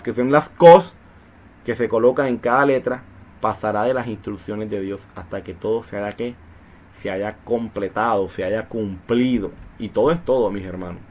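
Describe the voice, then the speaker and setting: A man's voice: medium pitch, a little hiss or hum. A man teaching a Bible study in Spanish, explaining patiently with rhetorical questions and frequent repetition.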